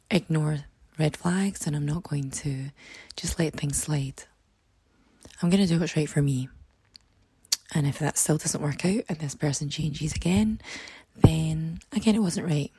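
Podcast host, female: very husky, croaky frog voice, gravelly and hoarse, earnest self-help delivery. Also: sits low, dark tone, no room sound. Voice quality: croaky, froggy voice. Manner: earnest, reassuring advice-giving. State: hoarse, voice partly lost.

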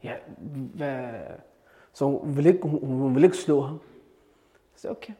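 A male preacher tells a religious story in an animated way, often turning to his listeners with questions. His slightly high voice carries a long echo through a reverberant hall.

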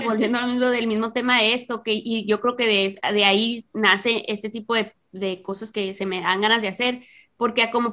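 A woman's voice: fairly high pitch, pushed and bright. A woman chatting casually about being a mother, thoughtful and full of fillers. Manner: reflective, many fillers. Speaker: mother in a group chat. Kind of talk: casual chat.

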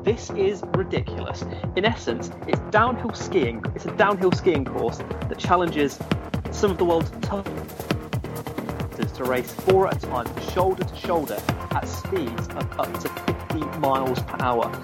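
A man co-hosting a podcast, playful and quick to laugh, reading a lively roundup. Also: a little high. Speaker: podcast co-host. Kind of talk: casual chat. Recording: loud music behind the voice.

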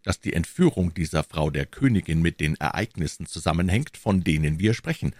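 Brief: bold, earnest young swordsman, male reader's own voice, low and dry. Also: animated, fairly quick, a little mellow, no echo. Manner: earnest, impassioned.

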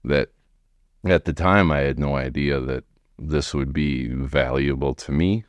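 A man in his forties with an American accent, telling his story casually in a halting, rambling way as an interview guest. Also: extremely low pitch, dry recording, muffled recording. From United States, Wisconsin. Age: 40s. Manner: rambling, halting, frequent "you know". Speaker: podcast guest, remodeling tradesman.

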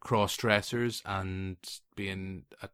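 A man in his late thirties hosting a casual film podcast, telling stories with quick asides and lively restarts. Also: sits low, clear, resonant tone, no echo. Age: 30s. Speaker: podcast host.

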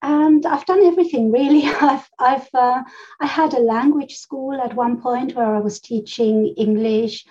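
A middle-aged German woman co-hosts a casual podcast from a book-filled room at home, her high, mellow voice unhurried as she rambles through stories and laughs often. The audio is slightly dull and rough.

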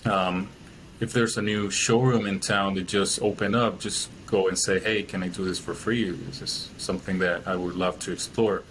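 A man's voice: low-pitched, fairly even intonation, moderate pace, fairly bright tone, a little hiss or hum, low-quality recording. A man from Chile, a guest in an interview, talking casually with many fillers and restarts. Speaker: guest, business owner.

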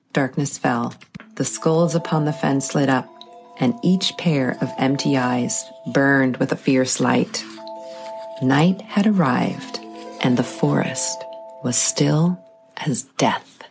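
A woman narrating a folk tale in a measured, dramatic storytelling style. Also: a bass voice.

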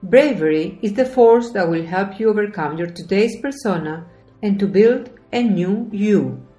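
Earnest woman coach with lively pitch. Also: a little slow, echoey room, faint music behind. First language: not English. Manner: earnest, encouraging, reads from a script. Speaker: podcast host, life coach. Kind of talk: scripted motivational monologue.

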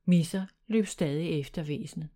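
A woman reading a children's bedtime story aloud in a calm, even storytelling manner. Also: low voice.

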